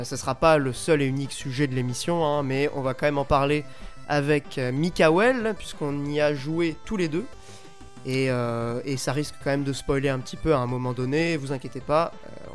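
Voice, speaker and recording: A man hosting a casual video game podcast in a chatty, improvised way, his voice nasal and stuffed up from a cold. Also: on the high side. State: has a head cold. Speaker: podcast host. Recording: music behind the voice. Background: music.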